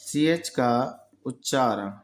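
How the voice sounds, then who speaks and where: A male teacher giving a vocabulary lesson, who explains patiently, answers his own questions and repeats each word slowly. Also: mid-range voice, lively intonation, roomy sound, slight background noise. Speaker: English pronunciation teacher. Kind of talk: Hindi-language vocabulary lesson.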